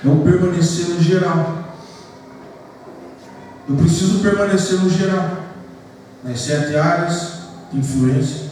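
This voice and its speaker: Man, Brazilian pastor, earnest sermon, mellow tone, long hall reverb, distant mic. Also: fairly high pitch, a little slow, long pauses, a little hiss or hum. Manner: earnest, addresses the congregation as "queridos". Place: church hall. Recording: echoey church hall picked up from far off.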